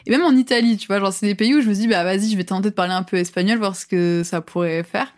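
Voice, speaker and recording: A woman in her twenties, appearing as a podcast guest, chats casually at a quick pace in a mid-range voice. She uses lots of fillers and laughs often.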